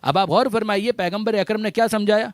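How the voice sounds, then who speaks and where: A male cleric lectures in a raised, fairly high voice, drilling each point through repetition. He recites Arabic verses and addresses the listeners as dear brothers. The recording is dry and close. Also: fairly even intonation, no room sound. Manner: repeats phrases for emphasis, recites Arabic verses; mixes English words into speech. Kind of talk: religious lecture.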